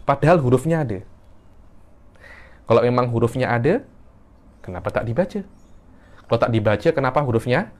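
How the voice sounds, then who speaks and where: A man giving a classroom lecture on Quranic sciences, explaining terms and rising sharply in pitch when he stresses a point. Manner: explains, then rises sharply in pitch for emphasis. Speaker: religious teacher.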